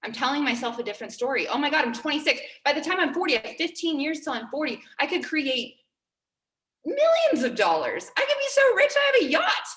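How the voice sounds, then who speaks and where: Bright and brisk, this woman in her twenties speaks in a high, sing-song voice as she motivates her team as their trainer. She stays earnest and upbeat, repeating important phrases, and the room is reverberant.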